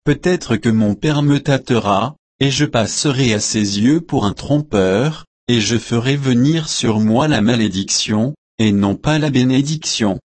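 Man voicing young deceiving son; slow, dry, plain reading. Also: mid-range voice, dry recording, lightly acted. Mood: earnest.

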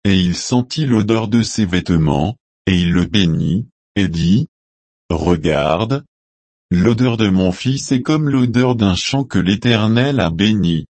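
A man voicing an old blind father giving his blessing, in a slow, solemn reading. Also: on the low side, expressive, darkish tone, no echo.

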